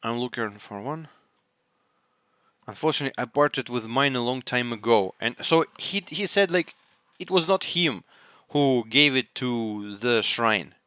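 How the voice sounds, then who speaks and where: Animated, bright-voiced man, rambling reaction. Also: mid-range voice, unhurried, smooth, no room sound. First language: not English. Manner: rambling, searches for words, many restarts. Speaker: anime reaction channel host. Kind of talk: casual reaction commentary.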